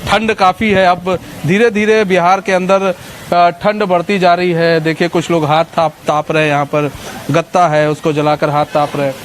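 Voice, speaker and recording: A man's voice: high voice, flat delivery, slight background noise. A man reporting on the street, talking to camera and questioning traders outdoors. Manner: brisk, talks to camera, asks leading questions. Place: outdoors on a cold market street.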